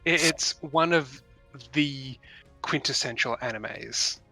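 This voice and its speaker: Bright, hesitant man chatting. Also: mid-range voice, takes it slowly, rough recording. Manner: hesitant, stammering starts. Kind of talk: casual chat. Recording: background music.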